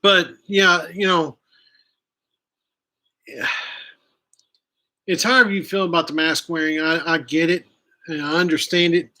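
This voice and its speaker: Bright-voiced man chatting outdoors. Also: on the high side, fairly even intonation, measured pace, long pauses. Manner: rambling, self-correcting, chatty. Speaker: host of a live outdoors channel. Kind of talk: casual live-stream chat. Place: outdoors, chilly. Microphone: camera he angles himself.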